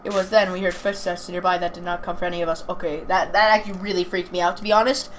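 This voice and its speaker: A young woman makes casual, chatty remarks on a game and reads its text aloud for a gaming video, sometimes tripping over words. She talks fast in a lowish voice with fairly even intonation. The home recording is amateur and clearly noisy.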